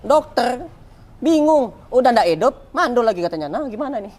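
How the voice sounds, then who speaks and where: A man telling his personal story as a guest in an interview, animated, repeating words for emphasis and acting out dialogue. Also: very high voice, normal speed, slight background noise. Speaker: guest, founder of a free restaurant.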